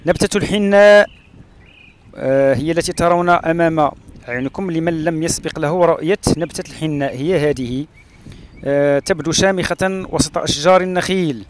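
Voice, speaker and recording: A man from Morocco narrating his travels along a rural road and through a palm oasis, pausing often with "uh" fillers. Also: on the high side, a little hiss or hum. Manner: hesitant, with frequent "uh" fillers and pauses. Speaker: travel vlogger.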